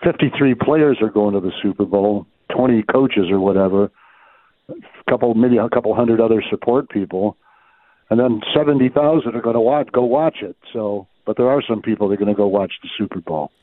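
A fairly low-voiced man joins a casual sports podcast over a thin, tinny phone line. He talks in a measured way, often qualifying his views. The sound is dry, with no room echo. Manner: measured, hedges with "I think".

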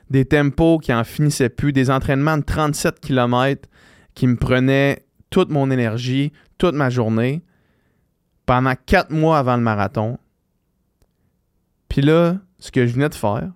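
Québécois podcast host, man in his 30s, clear resonant voice, dry close mic, reflective and chatty. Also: medium pitch, no room sound. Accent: Québécois French. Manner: reflective, explaining with frequent restarts and fillers. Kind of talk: casual monologue.

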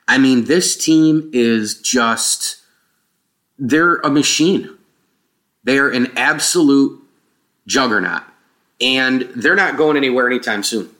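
A man's voice: medium pitch, pushed and bright. A man hosting a sports podcast, talking casually and emphatically, repeating himself for weight, with a hollow, echoey sound as from another room. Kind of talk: casual solo sports commentary. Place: a different room than usual, mid-move. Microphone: microphone on wrong setting.

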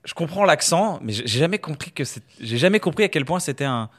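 A man from France with a French accent, a comedian guest chatting in a relaxed way and laughing easily. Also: a little high, quick pace. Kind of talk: casual conversation.

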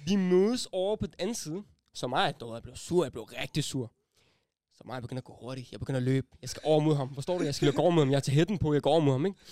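Young man, podcast host, slightly high voice, slangy animated storytelling, dry sound. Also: no room sound. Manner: animated storytelling, slangy, laughs while telling. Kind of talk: casual podcast chat.

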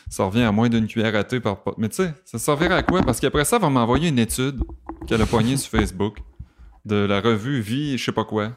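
A vegan chef with a Québécois accent talks casually as a podcast guest, animatedly acting out comments people send him. His voice is mid-range and a little fast, with background noise in the recording.

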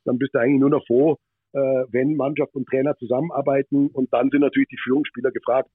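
Podcast guest: man from Bavaria, hesitant, filler-heavy, husky, on a dry phone-like line. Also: medium pitch, little pitch movement, fast talker, no echo. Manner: hesitant, many fillers and restarts. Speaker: former hockey manager, podcast guest. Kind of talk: podcast interview answers.

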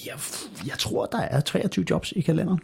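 A man's voice: a little high, animated, gravelly, husky. A male comedian guest acting hurt in an improvised comedy scene, groaning as he talks.

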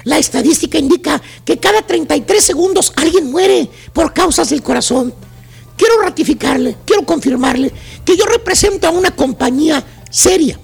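A man voicing a cynical female mall saleswoman who delivers a slow, syrupy sales pitch in a Mexican accent. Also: animated, gravelly, soft background music, exaggerated voice. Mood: smooth-talking.

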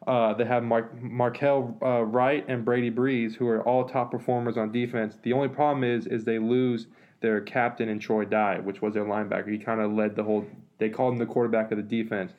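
A man co-hosting a casual sports talk show, analytical and relaxed, with many fillers and restarts. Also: medium pitch, fairly quick, muffled recording. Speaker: sports podcast co-host.

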